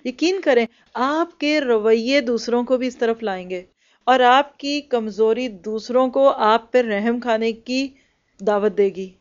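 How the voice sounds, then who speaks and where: A woman's voice: a little high, slow pace, dull audio. A woman teaching the Quran, giving an earnest religious lecture that urges listeners on and mixes in English words.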